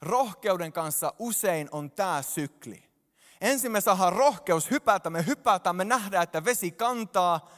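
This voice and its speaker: Male pastor, higher voice, animated sermon, church hall echo. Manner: animated, addresses congregation directly. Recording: long hall reverb.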